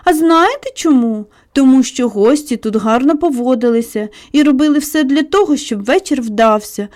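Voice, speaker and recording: A woman voicing a brisk, motherly woman who runs a boys' school, speaking in a teasing, gently instructive way. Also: high-pitched, lightly acted. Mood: playful.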